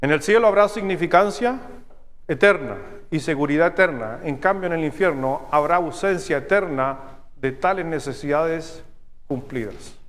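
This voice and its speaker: A man with a Chilean accent preaching a sermon as pastor, teaching step by step and checking in with his listeners through quick questions. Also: on the high side, fairly bright tone, big-room sound. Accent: Chilean Spanish. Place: church sanctuary.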